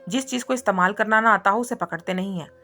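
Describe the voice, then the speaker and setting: A woman voicing a domineering young man who gives calm orders and teases in a read-aloud story. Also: medium pitch, quick pace, faint music behind. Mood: commanding.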